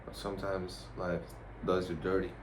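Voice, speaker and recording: A man giving a casual, rambling vlog monologue in a blunt, profane, halting way. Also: low voice, completely flat delivery. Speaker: vlogger. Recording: noticeable background noise.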